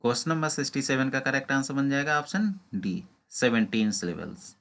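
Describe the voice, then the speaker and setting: In an expressive, slightly bright, medium-pitched voice, the teacher works through exam prep material. He has an Indian accent, reads the English questions out slowly, and gives his explanations in Hindi.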